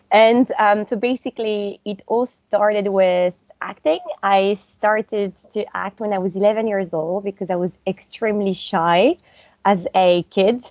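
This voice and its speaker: A woman's voice: mid-range voice, fairly even intonation, a little slow, a little mellow, no room sound. Chatty young woman on a lo-fi call. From born in France, raised in Brussels. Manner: chatty, laughs often, many "like" fillers. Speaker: guest, actress and director. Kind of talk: casual interview conversation. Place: at home.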